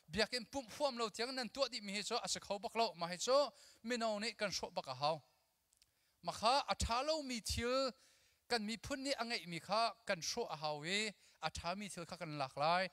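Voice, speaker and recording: A man in his thirties gives an energetic, animated sermon to a youth audience from a church auditorium stage. He talks into a handheld mic, mixes English with his own language, and drills the crowd with call-and-response. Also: high voice, a little fast, no room sound, clean studio sound, big-room sound. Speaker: youth conference speaker.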